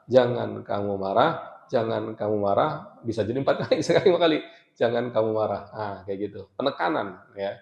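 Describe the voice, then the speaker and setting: A man's voice: medium pitch, vocal fry, echoey room. A man teaching a religious study session, explaining step by step with rhetorical questions and a habit of adding "ya" after each point. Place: mosque during a retreat.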